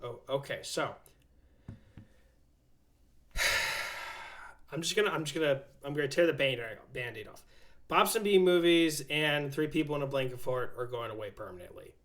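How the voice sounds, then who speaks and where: A man co-hosting a podcast in casual chat, jokey and quick to giggle. His voice is fairly high and moves up and down a lot. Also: animated, fairly bright tone. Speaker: podcast co-host.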